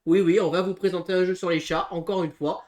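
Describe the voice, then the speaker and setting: A man co-hosting a casual board game preview, talking through game rules with frequent pauses and restarts. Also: high-pitched, flat delivery, darkish tone. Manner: hesitant, full of pauses and restarts while explaining rules. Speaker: board game channel co-host.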